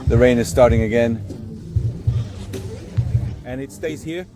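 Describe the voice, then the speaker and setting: A man's voice: medium pitch, a little slow, music in the background. A man chatting casually through a travel vlog, walking city streets and later driving, filmed on a handheld phone. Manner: chatty, narrating while walking and eating. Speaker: travel vlogger.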